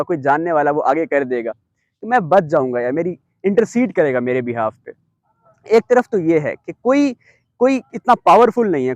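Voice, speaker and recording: High-voiced man teaching Quranic structure. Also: a little mellow, dry recording. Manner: earnest, mixes English terms into Urdu, recites Arabic verses. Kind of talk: explaining Quranic verse structure.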